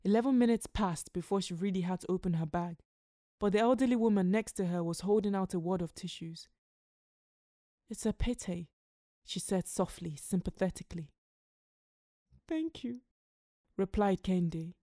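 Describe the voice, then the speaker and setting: A woman reading a literary short story aloud in a measured, expressive narrating voice. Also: fairly low pitch, dry recording, studio quality. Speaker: story reader.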